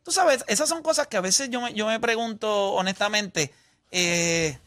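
A man's voice: sits high, moderate pace, a bit bright. A man hosting a sports talk show, blunt and argumentative in casual debate.

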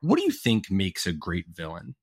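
A man's voice: low voice, wildly swooping pitch, normal speed, slightly rough. A man hosting a podcast, asking his guest questions in a friendly way and laughing easily. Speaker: podcast host. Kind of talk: interviewing a guest.

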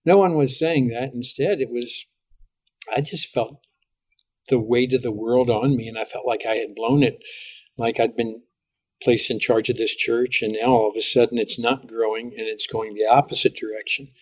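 A middle-aged man, a pastor, talking as a guest in a podcast interview and telling lively stories with frequent restarts. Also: medium pitch, moderate pace. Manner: animated storytelling with lots of restarts.

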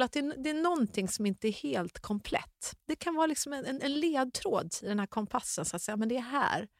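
Brief: middle-aged woman guest, animated storyteller who laughs and acts out dialogue, close dry sound. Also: medium pitch, no room sound. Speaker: interview guest, author. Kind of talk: personal storytelling in a podcast chat.

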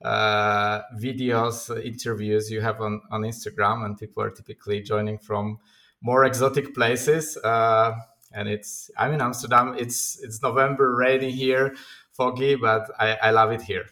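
Hesitant man with a bright voice. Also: mid-range voice, steady tone, normal speed. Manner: hesitant, many restarts and fillers, laughs easily. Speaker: guest, company founder. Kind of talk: casual interview chat. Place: own apartment. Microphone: video call.

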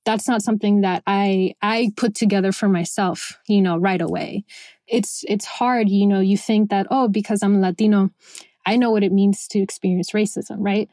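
A woman's voice: mid-range voice, steady tone, normal speed, dark tone, dry recording. A young adult woman from Venezuela, raised in Miami, speaking reflectively as a bookstore founder and dropping Spanish words into her English. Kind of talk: personal interview testimony.

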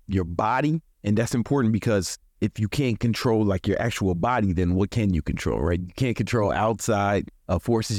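A lowish, slightly mellow voice belongs to an American podcast host in his forties offering casual motivation in colloquial, profane terms. He chuckles often, and the studio recording is clean with no echo.

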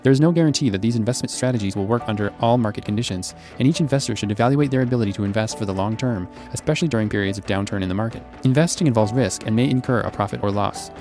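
A man reading a legal disclaimer in a rapid, flat delivery. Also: lowish voice, faint music behind. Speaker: disclaimer announcer.

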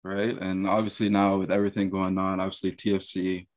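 A man's voice: low voice, little pitch movement, fairly quick. A man hosting a casual sports podcast, enthusiastic and repeating words for emphasis. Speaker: podcast host.

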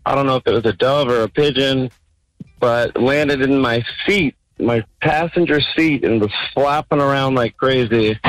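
A man's voice: mid-range voice, normal speed, no room sound. A man leaving a laid-back, rambling voicemail message, heard over a landline phone line.

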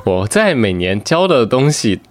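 A man's voice: medium pitch, very animated, a little slow, dry recording. A man co-hosting a book podcast, a literature teacher explaining his thoughts in a reflective, discursive way. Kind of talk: casual podcast chat.

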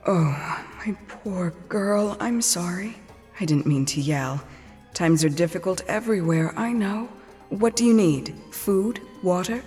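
A woman playing a haughty queen, low and commanding. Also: measured pace, a little mellow, long reverb tail, soft background music, natural voice. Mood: sympathetic. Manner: imperious, commanding. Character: haughty mortal queen, brusque yet soft-hearted. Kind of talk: podcast audio drama.

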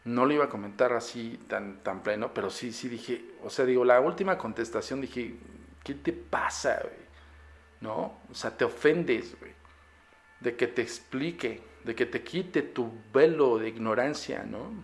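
Mexican male podcast host, gravelly, exasperated and blunt in a casual monologue. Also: mid-range voice, normal speed. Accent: Mexican Spanish.

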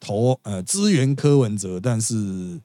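A man's voice: lowish voice, sing-song, slow, mellow, no echo. A man with a Taiwanese Mandarin accent hosting a podcast, giving chatty, gossipy, wry political commentary. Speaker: podcast host.

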